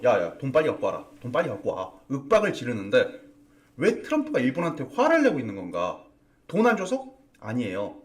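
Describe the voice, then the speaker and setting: A man's voice: mid-range voice, recorded from a distance. A man hosting a morning stock market commentary broadcast, emphatic and fond of repeating key words for stress. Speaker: stock market strategist and host. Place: broadcast studio.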